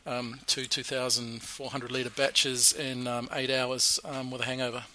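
A man's voice: medium pitch, flat delivery, a little slow, pushed and bright, a little hiss or hum. A man talking casually as a guest brewer on a podcast, recorded live in a small back room, explaining matter-of-factly with dry humour. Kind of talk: casual podcast interview, telling brewing stories.

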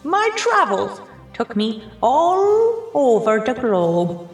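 A woman as slow, echoing Mole Man villain. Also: a little high, sing-song, exaggerated voice. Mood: bitter, grandiose. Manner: slow theatrical gloating. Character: embittered, boastful male Mole Man villain of the underworld. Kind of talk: amateur comic-book radio play. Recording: roomy echo with music behind.

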